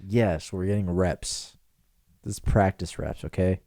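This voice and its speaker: A man's voice: deep voice, steady tone, unhurried, mellow, no echo, studio quality. A man in his twenties hosting a podcast, rambling and riffing in casual joking chat in a small room with pillows dampening the sound. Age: 20s. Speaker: podcast host.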